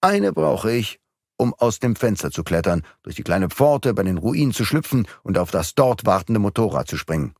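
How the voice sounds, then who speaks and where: A man's voice: on the low side, sing-song, normal speed, creaky, a little mellow, no echo, studio quality, exaggerated voice. A man voicing a mocking, menacing male court clerk with a revolver, who talks in clipped, pressing bursts, for an audiobook.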